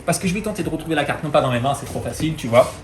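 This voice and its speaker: A man's voice: a little high, lively intonation, rapid-fire. A man hosting as a magician, performing a card trick and playfully guiding his guest through each step. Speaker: magician host. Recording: echoey room with loud music underneath.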